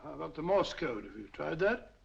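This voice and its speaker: Doctor Watson, gravelly and hearty. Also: male voice, fairly high pitch, sing-song, fairly quick, heavily acted. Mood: chatty. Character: bluff, good-natured English doctor and sidekick. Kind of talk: 1940s film acting. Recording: dull lo-fi old film soundtrack.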